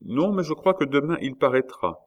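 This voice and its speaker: A man reading an audiobook who voices a tender, hurt young woman in a raised, emotional pitch. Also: lively intonation, moderate pace, natural voice. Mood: pleading.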